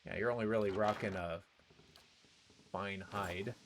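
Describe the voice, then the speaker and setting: A man's voice: fairly low pitch, steady tone, unhurried. A man giving casual commentary as he plays a video game, sometimes reading the game text aloud. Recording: faint background noise.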